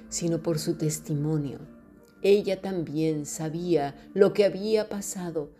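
Woman, sermon, lowish pitch, warm dark tone, talks straight to listeners, faint music. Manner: addresses listeners directly, mocks fearful voices. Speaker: preacher.

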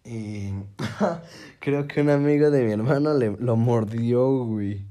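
Young mexican dude ranting about a fight, warm mellow voice, tons of slang, pitch shoots up when hyped. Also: male voice, slow pace. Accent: Mexican Spanish. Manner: slangy, profane, fillers constantly; animated, pitch jumping when excited. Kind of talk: casual storytelling.

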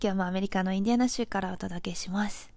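A woman's voice: medium pitch, fairly even intonation, fast, creaky, a little mellow, dry recording. A woman in her forties, from Japan, hosting a casual solo audio talk and explaining things in a chatty, friendly way with filler words. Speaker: podcast host.

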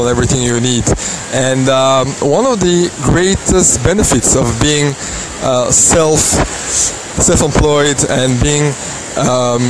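A Belgian man in his thirties, with a voice on the high side, hosts a casual solo podcast on a beach, delivering a motivational monologue thick with ums and uhs. Loud waves crash in the outdoor recording.

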